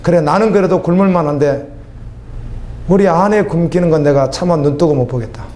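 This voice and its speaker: A man's voice: on the high side, brisk, a little mellow. A middle-aged man preaching a sermon as a pastor, emphatic, with rising exclamations and rhetorical questions. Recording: faint background noise.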